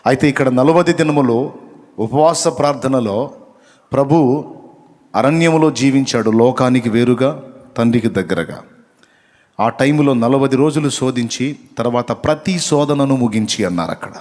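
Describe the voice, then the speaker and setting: A man's voice: mid-range voice, normal speed, pauses often, darkish tone. Man preaching in a reverberant hall. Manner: questions the congregation and repeats key phrases. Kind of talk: sermon with Bible reading.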